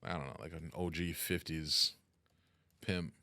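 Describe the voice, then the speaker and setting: A man's voice: extremely low pitch, steady tone, a little slow, gravelly, bright, forceful tone, no room sound, studio quality. A middle-aged American man co-hosting a sports podcast in casual, profane, slangy chat, giggly and loose like he has been drinking. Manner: giggly, loose drunken banter; slangy, says "bro" and "dude" a lot.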